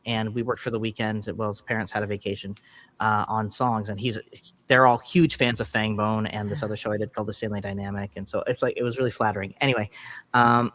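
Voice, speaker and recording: A man's voice: on the low side, level tone, quick pace, fairly bright tone. A man talking in a casual, rambling chat, full of fillers and restarts. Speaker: musician and host.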